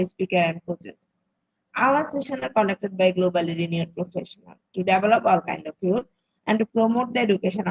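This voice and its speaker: A woman's voice: medium pitch, vocal fry, slightly rough, no room sound. A woman from Bangladesh hosting an online webinar, formally reading a scripted introduction of her institute and pacing through long lists. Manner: formal, reads lists in a measured way. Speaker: webinar host. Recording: dull lo-fi dry sound.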